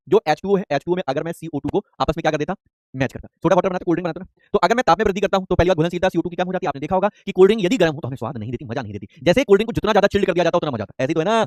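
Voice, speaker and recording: Speaking fast and animatedly, a chemistry teacher with a somewhat high male voice runs a live online class, repeating terms again and again and quizzing his students with rapid call-and-response questions. There's no room echo; the sound is close and dry.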